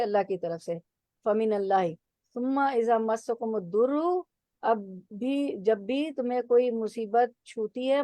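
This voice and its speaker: Mellow-voiced woman teaching slowly. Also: medium pitch, dry recording. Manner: explains slowly, repeating and defining words. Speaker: Quran teacher. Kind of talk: religious lesson.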